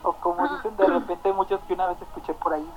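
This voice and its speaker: A woman's voice: lowish voice, fast, dull audio, background noise. Chatty Mexican woman radio host. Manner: chatty, slangy, animated storyteller. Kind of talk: casual storytelling chat.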